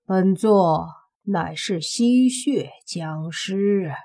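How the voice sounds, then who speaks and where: A woman voicing an arrogant young male vampire zombie with a slow, drawling, smug delivery. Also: lowish voice, darkish tone, breathy edge.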